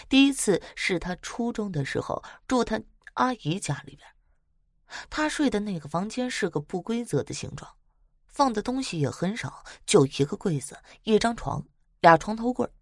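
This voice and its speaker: A woman casually retelling spooky stories in a chatty, lively way, with dramatic swells. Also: fairly low pitch, normal speed, gravelly, dry recording, clean studio sound. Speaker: storyteller.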